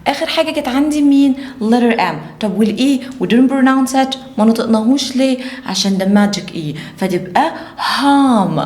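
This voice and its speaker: A woman with an Egyptian Arabic accent teaching English phonics to children, slowly drilling and repeating each sound. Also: a little high, animated, warm tone, echoey room.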